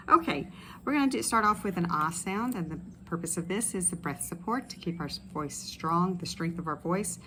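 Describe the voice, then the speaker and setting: A woman speech pathologist leading voice and swallowing exercises in a relaxed, explanatory way with many fillers. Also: low-pitched, noisy background. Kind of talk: instructional exercise video. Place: outdoors in a tropical setting. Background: ambient outdoor sounds with birds.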